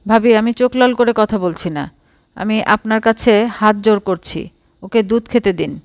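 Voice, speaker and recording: A woman's voice: mid-range voice, normal speed, dry recording, muffled recording, close to an everyday voice. A woman voicing a grave, earnest young uncle in a storybook reading. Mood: pleading.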